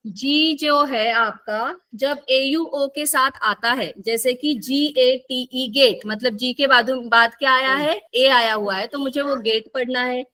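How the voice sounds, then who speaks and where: Woman, phonics trainer, slow and patient, high bright voice. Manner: explains rules slowly with repetition, mixing Hindi and English. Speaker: phonics trainer teaching teachers. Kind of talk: online phonics lesson.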